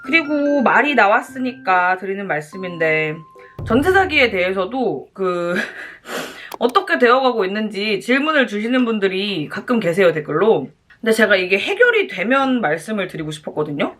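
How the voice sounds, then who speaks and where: A woman's voice: medium pitch, big pitch swings, moderate pace, fairly bright tone. A woman chatting casually to viewers as a mukbang host, talking between bites while she eats.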